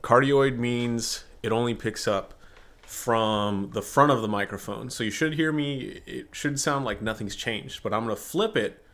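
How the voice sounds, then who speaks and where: A man's voice: mid-range voice, a little slow, fairly bright tone. A man giving a casual, candid review of a product, talking in a chatty way with blunt opinions, into a desktop USB condenser microphone.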